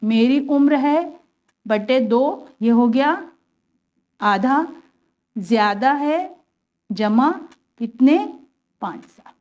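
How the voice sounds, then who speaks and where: A woman with a high, warm voice teaches a maths lesson, explaining worked examples to a class. She goes step by step and patiently, asking questions and then answering them herself.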